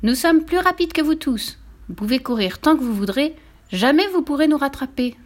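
A woman's voice: high-pitched, lively intonation, normal speed, pitched above the performer's own voice. A woman voicing a boastful little gingerbread boy who taunts his chasers in a sing-song way. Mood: gleeful.

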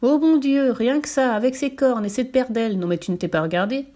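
Grumbling old gatekeeper saint, mocking, quizzing, sharp questions, a woman doing the voice. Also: mid-range voice, fairly quick, close to an everyday voice. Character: brusque old male Saint Peter at heaven's gate.

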